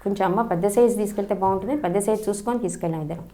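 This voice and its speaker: Fast-talking older woman reminiscing. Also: medium pitch, warm tone. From Andhra Pradesh, India. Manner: fast, earnest storytelling with frequent restarts. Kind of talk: personal reminiscence.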